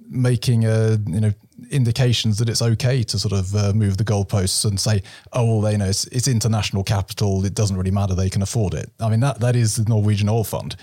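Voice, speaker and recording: A man's voice: on the low side, warm tone, no echo, clean studio sound. A man discussing policy in an interview, thoughtful and hedging, with frequent fillers like "you know" and "sort of".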